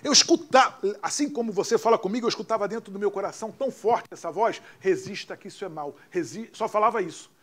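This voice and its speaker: A man with a Brazilian Portuguese accent, a pastor telling his own story in a sermon, dropping to hushed tones for quoted voices. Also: sits high, fast, few pauses, breathy edge. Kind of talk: sermon testimony.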